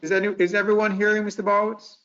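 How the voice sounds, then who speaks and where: High-voiced man chairing a call. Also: little pitch movement, a bit bright, smooth. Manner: halting, restarts often. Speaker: meeting chair. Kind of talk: virtual board meeting discussion. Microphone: video call. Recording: muffled video call audio.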